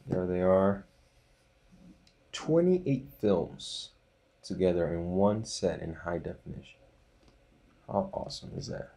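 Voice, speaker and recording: A man in his thirties hosting a casual unboxing vlog, reading titles off with small relaxed asides. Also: deep voice, slow pace, vocal fry, long pauses. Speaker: channel host unboxing a disc set.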